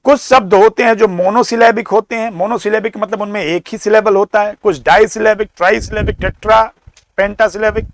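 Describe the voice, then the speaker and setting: High-voiced Indian man teaching grammar. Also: fairly even intonation. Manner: explains slowly, repeating and sounding out words. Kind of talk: classroom lecture.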